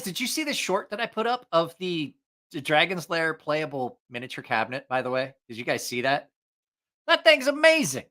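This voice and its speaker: A man chats off the cuff as a livestream host, with a bright, forceful voice that sits a little high. His delivery is very animated, jokey and profane, and he wanders between thoughts. He sounds slightly stuffed up and short of breath. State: congested with allergies, short of breath. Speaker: livestream host reviewing knives. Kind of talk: casual rambling livestream chat.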